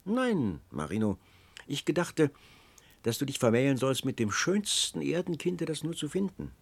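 A man reading aloud, voicing an old counselor who persuades with ornate, flattering speech, in a storybook reading. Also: a little high, moderate pace, vocal fry, no room sound, voice pushed up, full character voice. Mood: persuasive.

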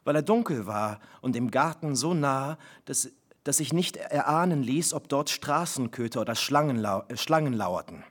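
A man, an author, reading his novel live in measured, reflective first-person narration. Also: medium pitch, lively intonation. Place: live reading in a broadcasting house.

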